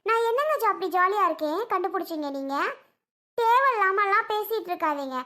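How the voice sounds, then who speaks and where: A woman playing Priya, a bright, high defensive wife. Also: expressive, brisk, heavily acted. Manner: defensive, complaining. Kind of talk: family drama skit.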